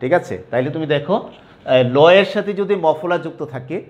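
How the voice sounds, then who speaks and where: In a lecture, a man with a fairly high-pitched voice teaches students pronunciation rules, saying example words slowly and frequently checking that they're keeping up.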